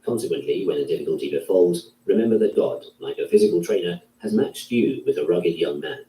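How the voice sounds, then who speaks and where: A man reading a classic philosophy text aloud in a measured, solemn manner. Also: low voice, dark tone. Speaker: narrator. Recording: roomy, distant from the mic.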